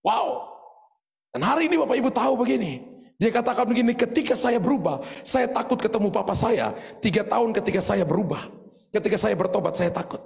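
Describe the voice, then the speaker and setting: A man preaching a sermon with an Indonesian accent, his voice pitched high and edged with a gravelly fry. He tells his story animatedly, rising into shouts, and his words ring out with a long reverb through a large church hall. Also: lively intonation, a little fast. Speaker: pastor.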